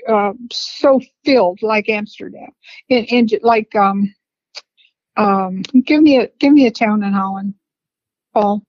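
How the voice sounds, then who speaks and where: A woman in her seventies telling family memories in a rambling, unhurried way with laughs between stories. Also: mid-range voice, a little mellow, no echo. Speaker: interviewee, family matriarch. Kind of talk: reminiscing conversation. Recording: dry, slightly dull lo-fi sound.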